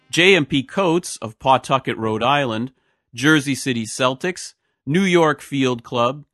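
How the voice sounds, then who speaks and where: A man's voice: medium pitch, a bit bright, no room sound, clean studio sound. A man reading a scripted history narration as a podcast host. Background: music.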